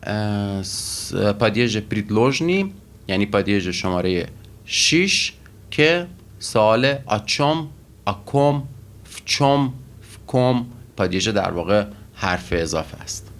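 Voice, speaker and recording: Low-voiced man teaching, methodical. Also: animated, a bit bright. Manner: methodical, with frequent pauses and fillers. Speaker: Russian language teacher. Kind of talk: explaining vocabulary and grammar.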